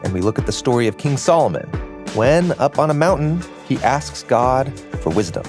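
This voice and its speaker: A man co-hosting a podcast in casual chat, asking curious follow-up questions and reacting quickly. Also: medium pitch, very animated, music in the background. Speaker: co-host.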